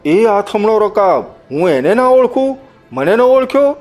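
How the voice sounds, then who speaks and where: A man's voice: on the high side, lively intonation, moderate pace, a little mellow, faint music behind, close to an everyday voice. A man voicing a treacherous village tracker who talks in a raised, stinging, accusing voice. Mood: excited, accusing. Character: treacherous male village tracker, bitter and vengeful.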